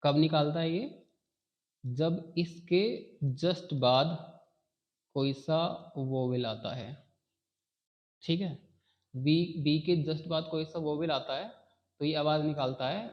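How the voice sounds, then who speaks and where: A man's voice: fairly high pitch, takes it slowly, pauses often, lo-fi sound. A man teaching a beginner phonics lesson, repeating key phrases and checking in often with his students.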